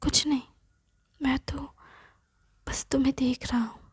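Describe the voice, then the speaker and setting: A woman voicing a gentle, emotional young man in love, in a soft, hesitant whispered role-play. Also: high voice, little pitch movement, unhurried, no echo, studio quality. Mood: tender.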